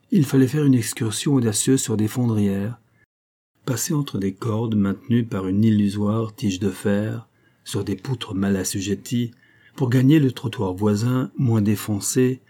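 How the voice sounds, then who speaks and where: Male audiobook narrator, mellow and slightly low, reads in steady measured phrases. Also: slightly rough. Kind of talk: audiobook reading.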